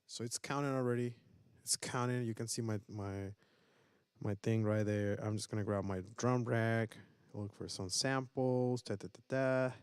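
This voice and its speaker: A man's voice: lowish voice, steady tone, normal speed, clean tone, dry recording, studio quality. A man casually explaining vocal settings and beat-making on a live stream, rambling with many fillers and restarts.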